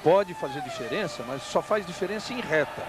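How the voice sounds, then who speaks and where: A man's voice: high voice, wildly swooping pitch, fairly quick. A man with a Brazilian Portuguese accent giving live technical analysis as a motorsport commentator, explaining in a conversational way. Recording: clear engine and track noise behind. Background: race cars and outdoor ambience.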